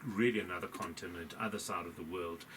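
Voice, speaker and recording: Male radio host, encouraging interviewer, lower voice, some background noise. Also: steady tone, fast talker. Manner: encouraging, frequent laughs and affirmations.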